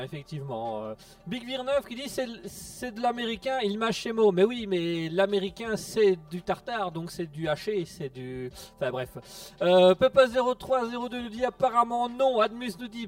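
A man hosting a casual radio show, reading out listener messages with relaxed jokes that trail off into low mutters. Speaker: radio host. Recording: distant mic with music behind.

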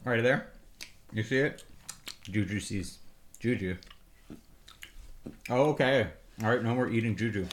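A man's voice: mid-range voice, measured pace, long pauses, a little hiss or hum. A middle-aged man hosting a casual snack-tasting video with his kids, chatty and upbeat, laughing often and coaxing them along.

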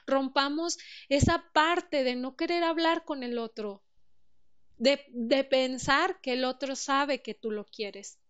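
A woman's voice: high-pitched, dull audio. A woman with a Mexican accent giving an earnest motivational talk, asking the listener direct questions. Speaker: speaker on emotional wellbeing.

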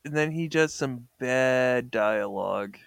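A man's voice: mid-range voice, takes it slowly, creaky, no room sound. A man co-hosting a casual comic book club podcast, joking and enthusiastic about the panels. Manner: joking, enthusiastic, looks facts up mid-chat. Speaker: podcast co-host.

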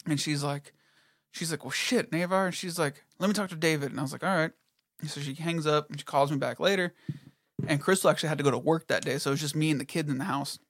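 A man recounts a story in relaxed conversation, his voice sitting a little high for a man. He swears freely and acts out both sides of the exchanges. The sound is dry and close. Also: fast talker, no room sound. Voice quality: profane, storytelling with quoted voices. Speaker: friend telling a story. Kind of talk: casual chat.

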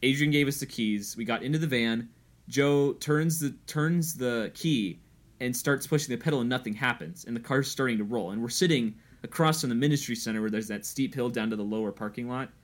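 Young male podcast host, casual chat, animated storyteller who acts out quotes, mid-pitched voice. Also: brisk.

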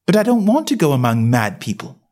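A man voicing a polite, curious young girl, pitching his voice up into a prim questioning tone. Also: huge pitch swings, brisk, a little mellow.

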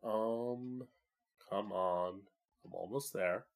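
A man's voice: fairly low pitch, drawn-out words, creaky. A man who hosts a podcast as a drag queen, rambling solo in a campy, profane, self-mocking way. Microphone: podcast microphone, live streamed.

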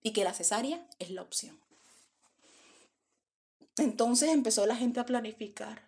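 A woman's voice: fairly high pitch, expressive, a little slow, darkish tone. A woman preaching a sermon, telling stories dramatically and acting out the voices. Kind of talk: sermon storytelling.

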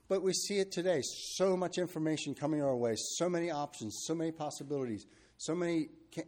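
A man preaching a sermon, talking freely with fillers and restarts, and reading scripture in a steady measured cadence. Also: medium pitch. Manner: unscripted and searching, with restarts and fillers.

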